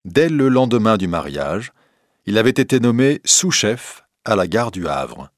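A man narrating a classic novel aloud in a steady, measured reading. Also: lowish voice, no echo, studio quality.

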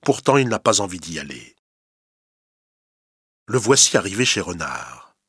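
A man narrating a storybook, reading with clear, steady delivery and lively emphasis. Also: deep voice, a little slow, no echo, studio quality.

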